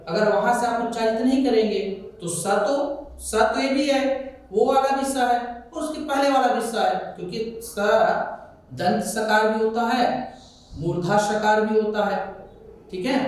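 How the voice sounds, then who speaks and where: A man with a high, light voice teaches pronunciation, going through each sound slowly and checking in with the class as he goes. His voice comes from some way off the mic and rings around a very echoey room. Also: recorded from a distance. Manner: explains step by step, often asks the class questions and answers them himself. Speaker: Sanskrit teacher.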